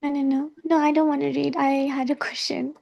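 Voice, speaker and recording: A woman's voice: high-pitched, level tone, a little fast, creaky, crowd noise. A woman student asking a question in class, hesitant and apologetic.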